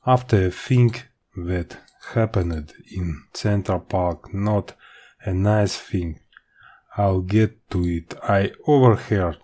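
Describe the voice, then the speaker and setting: A man with a Russian accent narrates an audiobook in a low-pitched voice. His pace is extremely slow and halting. He stumbles on words here and there and repeats them as an amateur reader would. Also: mellow.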